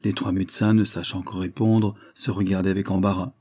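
Male audiobook narrator, low dark voice, husky, dry close sound. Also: level tone, fairly quick, dry recording. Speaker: audiobook reader. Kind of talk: scripted narration of a classic novel.

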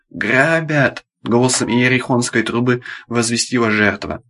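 Male audiobook narrator, medium pitch, darkly ironic read. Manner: dark ironic storytelling. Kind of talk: scripted narration.

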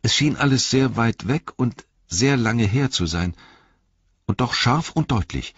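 A man voicing a frightened young male hobbit who stammers and pleads in a shrill voice. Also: lively intonation, unhurried, slightly rough, no room sound, dull audio. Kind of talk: audiobook character voice.

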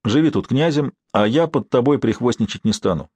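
A man's voice: mid-range voice, animated, a little fast, a little mellow, husky, no room sound. A man voicing a young prince in an audiobook, speaking in a gloomy, curt way. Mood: hard. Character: young prince, brooding, bitter, self-reproaching.

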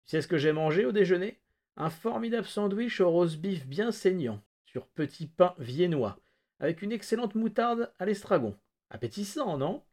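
A man voicing a sinister, mocking male stranger who taunts with false warmth. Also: medium pitch, expressive, a little slow. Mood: mock-friendly. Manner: silky, taunting, mock-friendly. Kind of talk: audiobook-style reading.

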